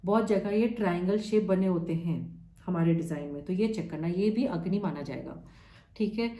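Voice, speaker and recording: A woman's voice: medium pitch, dark tone, echoey room. A woman teaching a live course, explaining point by point in a Hindi-English mix and often checking in with her listeners. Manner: explains in lists, checks in with "ठीक है?" and "right?"; mixes Hindi with English phrases. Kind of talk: live online lesson.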